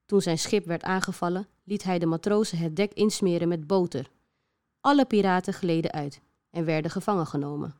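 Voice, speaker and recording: A woman voicing government leaders in a children's story, loud and proclaiming. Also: on the low side, fairly quick, dry recording, studio quality, lightly acted. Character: solemn government officials addressing the nation.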